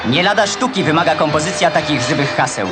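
A man delivering brisk, declamatory commentary as the narrator of an old 1960s newsreel. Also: fairly high pitch, expressive. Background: loud music.

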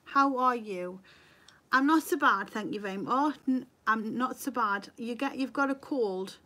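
A woman in her thirties, a beauty vlogger with a Geordie accent from North East England, sits at her bedroom desk webcam for a casual makeup livestream. Though a bit tired, she's chatty, laughing easily and reading viewer comments aloud in a fairly high voice that sounds pushed and bright at normal speed.

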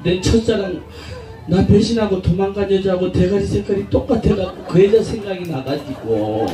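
A man performs a street prank bit, coaxing strangers with brash, laughing banter and plenty of swearing. His voice is high and swings widely in pitch. He is picked up from a distance over the clamor of a busy street crowd. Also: animated, moderate pace, over music. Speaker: street comedian. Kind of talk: street prank comedy with passersby. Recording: echoey outdoor street, crowd noise, distant mic.

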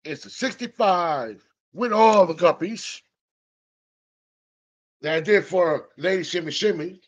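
A man's voice: high-pitched, slow, dull audio. Hyped man vlogging from his fish room. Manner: hyped, playful, repeats phrases, does mock announcer bits. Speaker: aquarium channel host. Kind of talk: casual hobby vlog. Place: home fish room in living room.

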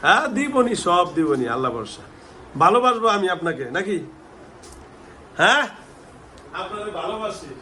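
A man's voice: sits high, very animated, normal speed, long pauses, sharp tone. A man, working as a healer and mufti, coaxing and pressing people with repeated questions while also speaking to the camera. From Bangladesh. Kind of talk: live session addressing camera and visitors. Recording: echoey room, distant mic, faint noise.

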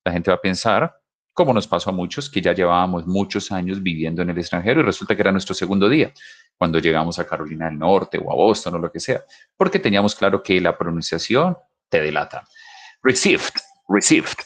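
Low-voiced man teaching English drills. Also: lively intonation. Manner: drills pronunciation slowly, repeating words. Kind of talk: online English lesson.

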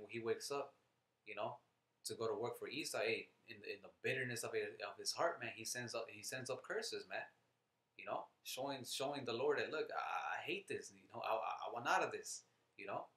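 A man's voice: lowish voice, fairly bright tone. Casual echoey-voiced man preaching scripture. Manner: casual slangy talk with many fillers and restarts. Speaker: lay preacher. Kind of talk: informal scripture teaching.

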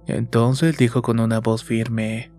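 A man reading a first-person horror story in a slow, measured, scripted narration. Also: medium pitch, flat delivery, darkish tone. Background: faint music.

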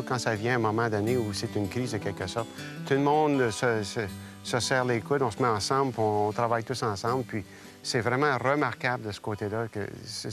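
Reflective man over guitar. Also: medium pitch. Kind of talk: documentary interview. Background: guitar music.

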